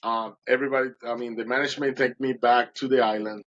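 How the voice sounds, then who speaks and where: A man's voice: mid-range voice, fairly even intonation, fast, fairly bright tone, muffled recording. A man, a podcast guest, telling his personal story in an earnest, emotional way and often restarting his sentences.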